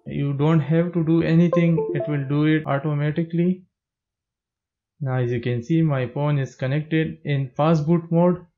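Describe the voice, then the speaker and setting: A man narrating a step-by-step tech tutorial as a plain, steady voice-over. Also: on the high side, normal speed, phone-quality sound, faint music behind.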